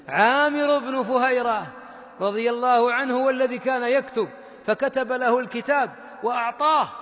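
A man's voice: sits high, fairly bright tone. A man with a Gulf Arabic accent preaching a sermon with impassioned rhetorical questions to his audience. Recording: long hall reverb.

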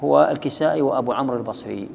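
A man with a gravelly, creaky voice teaching a religious lesson at a brisk pace. He quotes lines of a didactic poem and explains them, often repeating himself. The sound rings with a long hall reverb. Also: mid-range voice, darkish tone. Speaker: teacher of Quranic sciences.

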